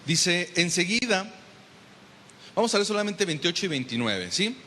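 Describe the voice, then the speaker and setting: A man's voice: sits high, sing-song, moderate pace, sharp tone, long reverb tail, slight background noise. A man preaching a sermon as pastor in a church, emphatic and often asking the congregation to confirm.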